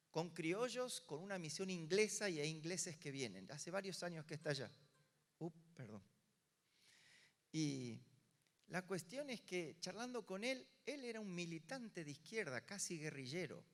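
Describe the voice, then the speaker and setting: An older Argentine pastor with a Rioplatense Spanish accent preaches from the pulpit and acts out each voice in his story. His voice sits a little high for a man. The room's long reverb trails after his words. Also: measured pace. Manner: animated storyteller acting out dialogue. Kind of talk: sermon storytelling.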